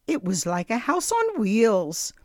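A woman narrating a children's storybook as a story-time host, with deliberate, expressive delivery addressed to young listeners. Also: a little high, dry recording, studio quality.

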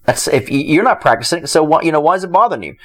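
A man's voice: a little high, animated, rapid-fire, a bit bright. A man preaching on his podcast in a passionate, conversational way, acting out the voices of people he quotes. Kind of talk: podcast sermon.

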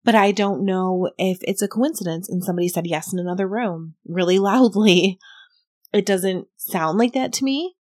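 A woman's voice: mid-range voice, normal speed, darkish tone, dry recording. A woman hosting a casual talk about a paranormal investigation, thoughtful and explanatory, often hedging. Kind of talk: casual podcast chat reviewing audio.

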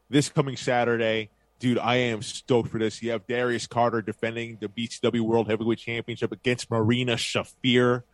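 In a rough recording with no echo, a mid-range male podcast co-host chats casually. He hypes upcoming events with eager, enthusiastic promo-style delivery.

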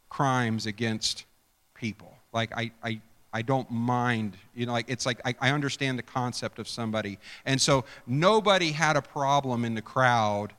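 A male pastor gives a chatty, conversational sermon, often restarting his sentences and tossing questions to the congregation. His voice is bright and forceful, and it rings with a long reverb in a church sanctuary. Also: medium pitch. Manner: chatty, self-interrupting, quizzes the congregation.

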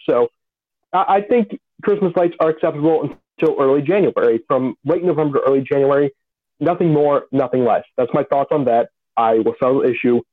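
A man calling in to a live chat show over a muffled, tinny phone line, laying out numbered points decisively. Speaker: caller. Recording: tinny low-quality phone call.

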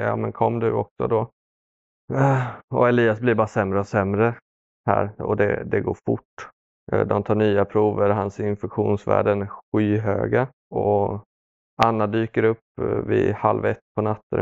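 Halting, gravelly man, subdued and low. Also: no room sound. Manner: halting, many fillers and pauses; subdued, sombre. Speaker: podcast guest. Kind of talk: personal story in conversation. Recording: dull, dry lo-fi sound.

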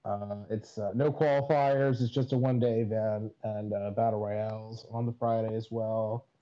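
A man with a mellow, dark voice chats as a podcast guest, hesitant and self-deprecating. His sound is dull and lo-fi. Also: fairly low pitch, little pitch movement, moderate pace. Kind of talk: casual chat.

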